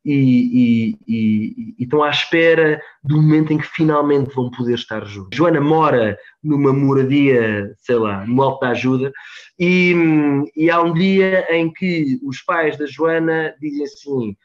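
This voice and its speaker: A man's voice: medium pitch, unhurried. A man with a European Portuguese accent gives a storytelling talk at a conference, repeating words and often tagging lines with a questioning "right?". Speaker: speaker at a conference. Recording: dull lo-fi conference recording.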